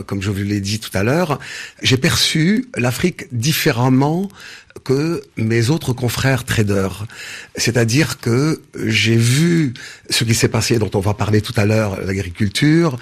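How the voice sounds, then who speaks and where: A man in his sixties from Senegal, answering interview questions in a measured way with frequent hesitations and restarts. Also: medium pitch, breathy edge. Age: 60s. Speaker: interview guest, business founder.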